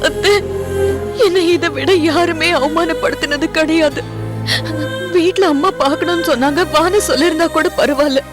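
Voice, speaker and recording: An actress plays a caring young woman who pleads and comforts. Her voice sits very high, with loud music underneath in this TV serial. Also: steady tone, normal speed, close to an everyday voice. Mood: wounded. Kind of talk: TV serial acting.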